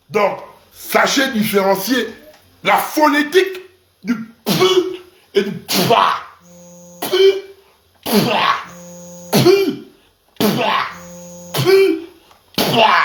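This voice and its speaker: A man with a high, fairly bright voice, recorded with roomy sound, rants crudely and provocatively to camera. This online commentator mocks his audience and repeats syllables for emphasis.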